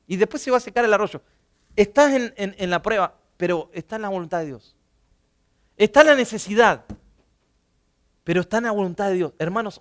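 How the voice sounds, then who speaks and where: A pastor preaching a sermon in a church, animated, swinging between loud bursts and soft asides and acting out the people he quotes. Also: high voice. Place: church sanctuary.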